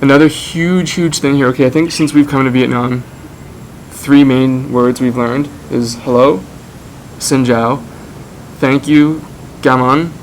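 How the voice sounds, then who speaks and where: Casual young male travel vlogger, chatty, middle pitch, faint background hum. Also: steady tone, unhurried, rough recording. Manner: chatty, explains to camera. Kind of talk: casual vlog chat.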